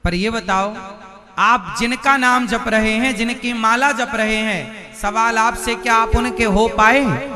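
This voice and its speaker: A man's voice: very high-pitched, slow pace. A male preacher giving a devotional sermon, teasing the audience with rhetorical questions. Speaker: spiritual preacher. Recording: music playing under the speech.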